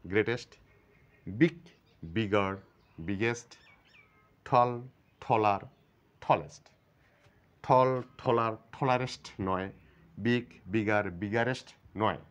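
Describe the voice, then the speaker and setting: A man with a Bangladeshi accent teaching an English grammar lesson, explaining step by step, repeating terms and drawing words out slowly to show their syllables. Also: lowish voice, lo-fi sound.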